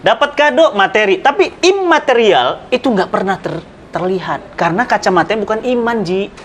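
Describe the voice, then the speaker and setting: A middle-aged man preaching in conversation, telling religious stories with dramatic swings in pitch and loudness and speaking straight to his listener. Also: animated, normal speed, a little hiss or hum. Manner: addresses listener directly, persuasive. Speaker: Islamic preacher. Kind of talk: animated religious storytelling in conversation.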